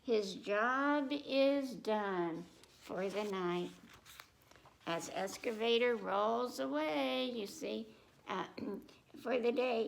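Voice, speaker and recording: A woman with a somewhat high voice and vocal fry presents a children's storytime, reading picture books aloud over poor audio. She pauses to speak directly to young listeners, using simple questions and repetition.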